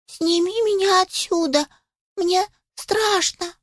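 A woman's voice: animated, slow, fairly bright tone, no echo, clean studio sound. A woman voicing a small, boastful male kitten who gets stuck and whimpers in fear. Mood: frightened. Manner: squeaky, whimpering.

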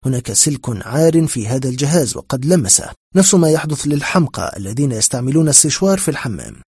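A man's voice: mid-range voice, sing-song, fast talker, darkish tone, husky, no room sound, clean studio sound. A man voicing a weary, blunt police lieutenant colonel in a spoken horror story, dismissive and matter-of-fact.

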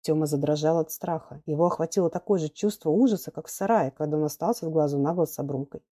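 A woman reads a classic story aloud at a calm, measured pace. Her voice sits low and sounds mellow and warm. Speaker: narrator. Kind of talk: audiobook reading of classic prose.

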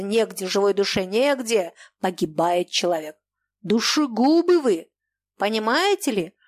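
A woman's voice: medium pitch, dry recording, natural voice. Woman reading as an angry young merchant. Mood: bitter accusing. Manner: defiant, accusing, harsh. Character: furious proud young male merchant.

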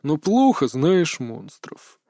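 A man's voice: fairly high pitch, sing-song, slow, dark tone, no room sound, studio quality, full character voice. A man voicing a burly bearded older hunter who taunts and lectures in a sly, mocking way, read as an audiobook character. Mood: taunting. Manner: taunting, philosophizing.

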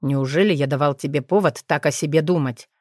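A woman voicing a calm, confident male dragon shifter who speaks steadily with a dry, slightly mocking manner. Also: deep voice, a little fast, no room sound.

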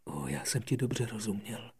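A man's voice: fairly low pitch, lively intonation, darkish tone, husky, heavily acted. A man voicing an earnest, lonely boy prince in an audiobook, in a wondering tone. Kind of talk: audiobook reading.

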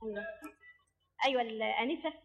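A high-voiced woman with an Egyptian accent runs a live stage quiz show. She calls up contestants in a brisk, directing tone and recites rhyming riddles in a lilting sing-song. The performance takes place on a theatre stage. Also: dull audio, soft background music. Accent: Egyptian Arabic.

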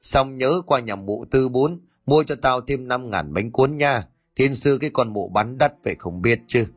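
A man's voice: mid-range voice, moderate pace, slightly rough, close to an everyday voice. A man playing a foul-mouthed scolding old woman. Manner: coarse, bossy scolding. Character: foul-mouthed, scolding elderly mother-in-law.

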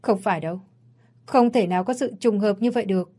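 A woman's voice: mid-range voice, fast, dark tone, husky, close to an everyday voice. A woman voicing a frightened but stubborn young woman, pleading and defiant, in a read-aloud story. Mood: scared, pleading.

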